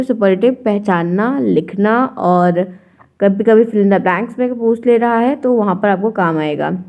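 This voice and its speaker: A young woman teaching an exam-prep grammar lesson, talking slowly and patiently with a tired, strained throat and frequent check-ins with her viewers. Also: fairly high pitch, lo-fi sound.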